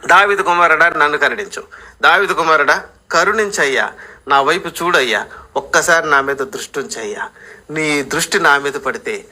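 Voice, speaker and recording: A man acting out a desperate blind male beggar, begging with a dropped, pleading voice that stays bright and cutting. This is an acted quote inside a sermon. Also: moderate pace. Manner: pleading, lowered voice.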